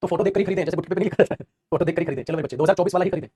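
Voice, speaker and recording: A man teaching an English grammar class in rapid Hindi mixed with English, calling his students "beta" as he corrects their answers. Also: sits high, mellow, husky. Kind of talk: online coaching lesson.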